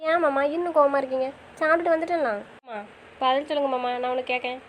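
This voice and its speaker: A woman acts out an audio drama in a pleading, questioning manner. Her voice is high and her delivery quick, with faint noise behind it. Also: rough recording. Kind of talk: casual audio drama acting.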